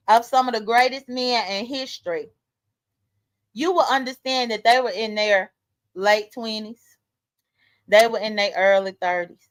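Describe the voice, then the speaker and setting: High-voiced blunt woman in her thirties. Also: a bit bright, rough recording. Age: 30s. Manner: emphatic, blunt, talks straight to viewers. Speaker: vlogger. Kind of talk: casual commentary monologue.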